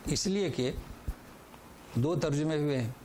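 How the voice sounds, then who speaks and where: Male Quran teacher, patient explainer, slow recitation, faint room hiss. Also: a little high, darkish tone. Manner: explains verse by verse, recites Arabic slowly then translates; asks and answers his own questions. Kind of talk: Quran lesson with commentary. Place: lecture hall.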